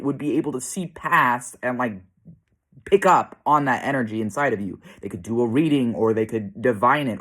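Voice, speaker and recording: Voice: mid-range voice, fairly bright tone. A self-described demonologist giving a blunt, profane, exasperated rant to camera, with frequent short laughs.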